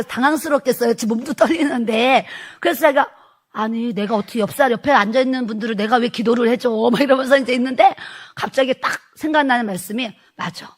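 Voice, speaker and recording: Pitched a little high, this middle-aged woman, a pastor's wife, recounts a church testimony during a sermon. She performs the quoted lines and laughs throughout.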